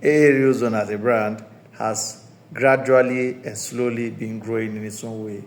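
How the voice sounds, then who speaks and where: A man's voice: fairly low pitch, steady tone, a little slow. A man giving a casual, discursive spoken movie review as the host of his own channel, often circling back to restate his points. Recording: roomy echoey room sound.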